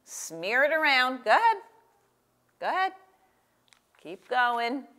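A high, very animated voice belongs to an older woman who speaks slowly with a bright, forceful tone. She reads a story aloud and walks a young child through a craft using simple, encouraging words and questions, in a small room with a table, recorded on a lapel mic.

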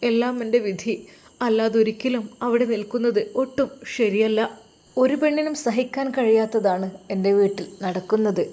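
A woman's voice: fairly high pitch, moderate pace, mellow, close to an everyday voice. A woman voicing a young mother left alone at night with her baby, speaking in a sorrowful, pleading monologue. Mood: lamenting.

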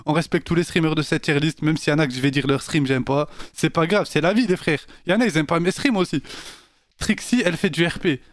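A man streaming live, chatting casually and directly with his viewers in an animated, slangy way. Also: on the high side, fast, no room sound, clean studio sound. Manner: animated and slangy, talks straight to his chat.

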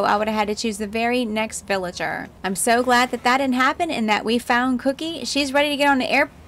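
An excitable woman chatting her way through a video game as a creator, talking straight to her viewers. Her voice sits slightly high, and she bursts into squeals of delight when things go her way. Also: a little hiss or hum. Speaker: gaming YouTuber. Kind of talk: casual gameplay commentary.

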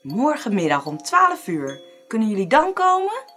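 A woman's voice: on the high side, wildly swooping pitch, moderate pace, a bit bright, faint music behind, voice pushed up. A woman voicing a sly male spider trickster in a storybook reading, wheedling and theatrical. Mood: scheming.

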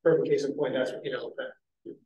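A man's voice: medium pitch, level tone, moderate pace, mellow, lo-fi sound. A man chairing a city zoning board meeting, talking in a rambling way with many fillers and restarts. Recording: echoey meeting room, distant mic.

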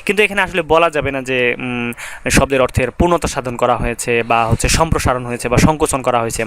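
Fairly high-voiced man teaching grammar. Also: a bit bright, no room sound. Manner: conversational, many fillers, repeats phrases, rhythmic recitation. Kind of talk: recorded grammar lecture.

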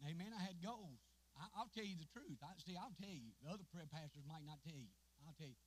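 A man's voice: on the high side, animated, quick pace, slight background noise. Fervent preacher man. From West Virginia. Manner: rising to shouted fervor, repetitive. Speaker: pastor. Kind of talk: sermon. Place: church sanctuary.

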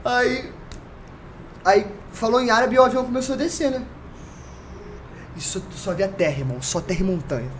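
A man with a Brazilian accent telling a story on a casual podcast, animated, full of slang and sound effects. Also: high-pitched, normal speed, long pauses, slight background noise. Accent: Brazilian Portuguese.

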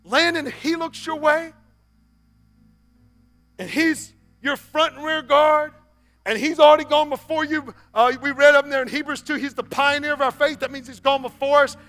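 This is a forties-aged male pastor whose voice is extremely high and steady in tone, at an ordinary speed. Preaching from the church stage, he moves from forceful exhortation to gentle, almost whispered appeals.

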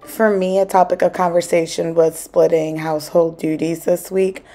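A woman in her thirties from South Jersey, with an American accent, speaks at a moderate pace in a lowish, dark voice with little pitch movement. A stay-at-home mom vlogging about home cleaning, she chats casually and encouragingly to her viewers, dropping lots of "like" fillers. Soft music plays behind her as she moves from a parked car to her home.

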